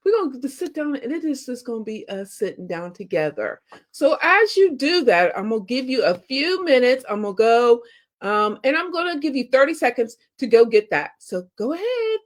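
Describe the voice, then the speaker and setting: A woman hosting a show, chatting casually and playfully with her viewers, her voice scratchy as she gets over a cold. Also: a little high. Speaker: show host. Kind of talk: casual livestream chat to viewers.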